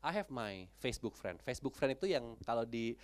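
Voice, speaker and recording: A man gives a sermon in a church. He talks in a casual, storytelling way and switches between languages. His voice sits in a middle register and swings through wide, lively pitch leaps with sudden loud outbursts. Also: a little fast. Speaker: preacher.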